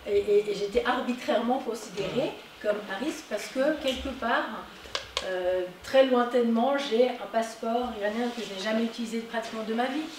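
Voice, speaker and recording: A woman giving a conference talk, animated and emphatic on her key points. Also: fairly high pitch, normal speed. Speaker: conference speaker. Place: conference hall. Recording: echoey hall, distant mic, noisy.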